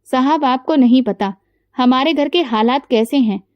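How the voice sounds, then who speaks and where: A woman's voice: high-pitched, measured pace, no room sound, muffled recording. A woman reading the lines of a proud poor young boy who speaks hesitantly, bitter and sorrowful. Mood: grieving.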